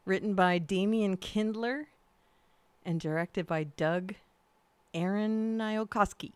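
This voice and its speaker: A woman's voice: medium pitch, slow pace, clean tone, dry recording. A woman co-hosting a casual podcast, chatty and self-mocking, often breaking into giggles. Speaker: podcast co-host. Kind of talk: casual chat.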